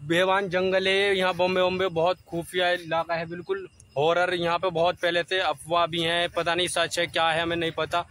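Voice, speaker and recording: A young man vlogging a night-time ghost challenge in dark woods, talking nervously to his viewers on a handheld phone. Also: high voice, monotone, normal speed, hardly any pauses, no room sound. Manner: nervous, hushed, addressing viewers.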